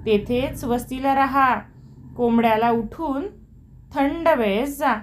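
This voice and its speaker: A woman's voice: high-pitched, slow, a little hiss or hum. A woman voicing an old village woman who earnestly warns a man not to travel at dusk. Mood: cautioning. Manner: earnest, cautioning. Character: old village woman giving a caring warning.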